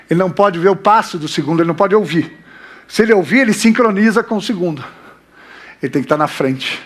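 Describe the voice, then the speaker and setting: A man with a Brazilian Portuguese accent giving a relaxed live lecture, joking crudely, asking rhetorical questions, swinging between loud and soft and checking in with the audience. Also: sits high. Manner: constant checks like "tá?" and "né?".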